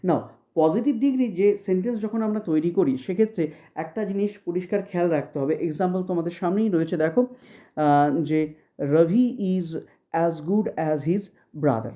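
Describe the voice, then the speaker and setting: A woman teaching English grammar in an online exam-prep lecture. She explains patiently, often asks whether things are clear, and slows right down to read out English examples. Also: fairly low pitch, mellow. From West Bengal, India. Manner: patient, checks understanding with frequent questions.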